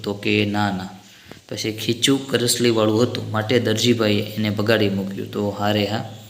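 A male teacher patiently explaining workbook answers to children, step by step. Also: fairly low pitch. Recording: roomy echo.

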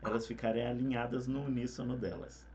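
A man, a singing teacher explaining harmony parts in a relaxed, conversational way. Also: medium pitch, a little fast, muffled recording, a crowd in the background. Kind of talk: explaining vocal harmony with sung examples.

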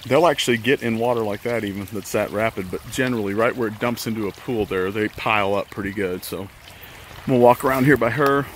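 A middle-aged man, chatting and coaching casually while fishing outdoors, filmed on a handheld phone. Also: fairly low pitch. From Texas. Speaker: fishing vlogger. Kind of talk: casual outdoor vlog narration. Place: outdoors by a rocky creek. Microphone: handheld phone camera. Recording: phone audio with loud creek noise. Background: rushing creek water.

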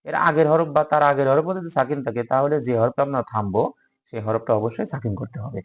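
A man teaching a Quran recitation lesson, patiently repeating each word slowly so that learners can follow along. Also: medium pitch, fairly even intonation. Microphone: microphone.

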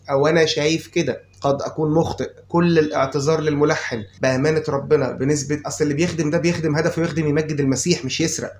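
A man's voice: on the high side, a little hiss or hum. A man from Egypt with an Egyptian accent, chatting casually as he teaches a guitar lesson and thinks aloud while explaining. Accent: Egyptian Arabic. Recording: roomy, loud guitar behind. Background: loud guitar playing.

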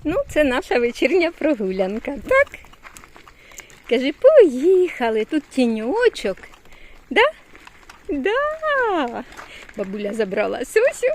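Chatty high-voiced woman in her 60s. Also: sing-song, unhurried, a little hiss or hum. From Ukraine. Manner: chatty, coos baby talk to a toddler. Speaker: retired vlogger, great-grandmother. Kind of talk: casual vlog chat. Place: outdoors on an evening walk.

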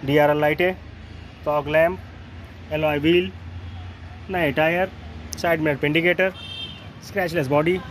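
Speaking at a measured pace with long pauses, a North Indian man with a slightly high, steady voice walks through used cars on an outdoor lot, beside and inside them. He lists details in short, matter-of-fact phrases as a sales presentation, against noisy street ambience.

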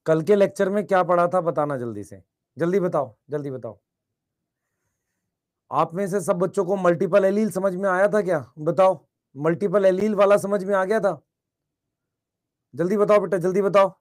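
A biology teacher leads an online class in a high voice that's a little hoarse today. He calls his students "beta," repeats every point and question, and keeps pressing the class to type answers in the chat quickly.

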